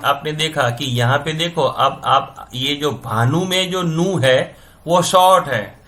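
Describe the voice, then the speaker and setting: A man teaching Sanskrit grammar in Hindi, saying each sound slowly, repeating it, and checking that his students follow. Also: fairly high pitch, fairly bright tone. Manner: repeats sounds slowly, checks understanding with "समझ में आ रहा है ना?". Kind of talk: classroom-style explanation.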